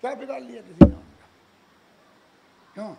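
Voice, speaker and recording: An older man giving a religious discourse, animated, full of rhetorical questions and chuckling asides. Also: extremely high pitch, moderate pace, vocal fry, heavy background noise. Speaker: preacher.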